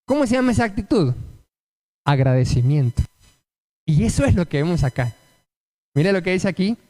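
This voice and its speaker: A man's voice: sits high, very animated, moderate pace, warm tone. A man preaching a sermon, emphatic and asking the congregation rhetorical questions.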